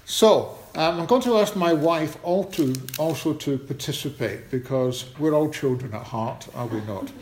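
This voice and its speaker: Male preacher, higher voice, friendly quiz-style children's talk, recorded in an echoey church hall. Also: normal speed, few pauses, a little mellow, slight background noise. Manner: chatty, asks the congregation questions.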